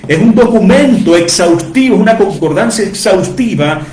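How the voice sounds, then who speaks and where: A man's voice: high-pitched, expressive, normal speed, darkish tone, roomy sound. A man teaching from the Bible to his listeners, repeating key words and asking rhetorical questions for emphasis. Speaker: preacher.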